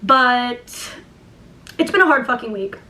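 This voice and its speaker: A woman's voice: a little high, animated, slow, sharp tone. A young woman with a lisp tells a personal story casually and emphatically, swearing and saying "like" a lot, talking through a sore jaw that barely opens. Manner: emphatic, swearing, heavy use of "like". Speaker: vlogger. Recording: echoey room, distant microphone.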